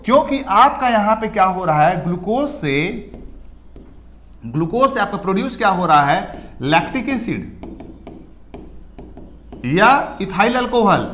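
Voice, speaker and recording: High-voiced man teaching biology. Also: fairly bright tone. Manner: asks questions and answers them himself; mixes in English terms, stretches key words slowly. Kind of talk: exam-prep lecture over slides.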